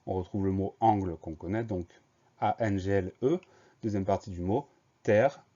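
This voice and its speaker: A man teaching a spelling lesson, spelling words out slowly, letter by letter. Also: low voice, dark tone. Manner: slow, careful letter-by-letter spelling. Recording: dull lo-fi recording.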